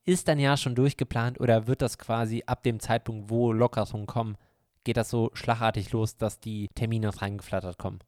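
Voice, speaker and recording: A man hosting a podcast in casual interview chat, lively and joking, acting out the people he quotes. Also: mid-range voice, brisk, dry recording, studio quality. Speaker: podcast host.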